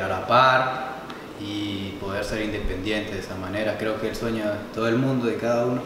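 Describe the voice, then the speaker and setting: Man, 20s, hesitant, soft-spoken, roomy reverb, audible background noise. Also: mid-range voice. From Nicaragua, raised in Canada. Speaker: guest. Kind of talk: casual interview. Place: bright room, seated on a leather couch.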